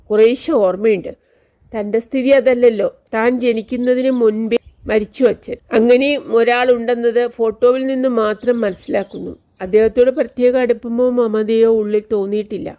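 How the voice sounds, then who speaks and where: A woman narrating a novel aloud in a calm, measured reading voice. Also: a little high. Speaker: audiobook reader.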